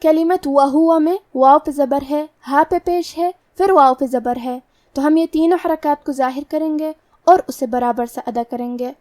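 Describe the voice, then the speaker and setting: A woman teaching Quran recitation rules, explaining pronunciation slowly and methodically. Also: high-pitched, a little mellow, no echo, clean studio sound, recorded from a distance. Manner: slow, careful, methodical explanation. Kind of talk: tajweed lesson, explaining letter rules.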